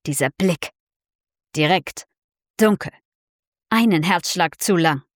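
A woman narrating a story in a slow, measured, dramatic reading. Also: lowish voice, dry recording, studio quality. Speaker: audiobook narrator. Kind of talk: scripted narration.

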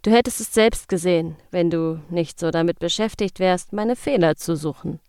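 A woman's voice: on the low side, normal speed, darkish tone, clear, resonant tone, no room sound, studio quality, natural voice. A woman voicing a brooding, self-assured young man. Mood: cool, superior.

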